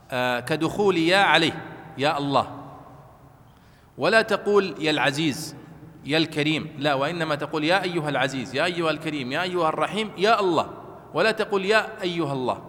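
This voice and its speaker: A man's voice: a little high, a bit bright. A male teacher explaining a classical text to students, checking that they follow with short questions. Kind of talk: classroom commentary on a religious text. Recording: long reverb of a hall.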